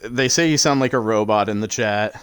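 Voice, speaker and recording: A man co-hosting a casual live stream about a sports simulation league, relaxed and full of fillers. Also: on the low side, brisk, clean tone. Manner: relaxed, filler-heavy, laughs easily. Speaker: league show co-host.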